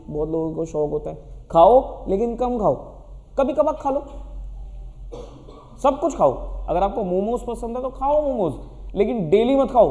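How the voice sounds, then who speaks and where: A man speaking to students in a direct motivational talk, asking questions and then answering them. His voice sits high but has a mellow, warm tone. A long reverb trails after his words. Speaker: teacher.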